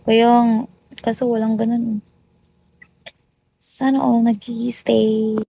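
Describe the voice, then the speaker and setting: A woman's voice: a little high, level tone, slow, creaky, heavy background noise. A woman hosting a casual phone livestream, chatting and rattling off greetings to viewers. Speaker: livestream host.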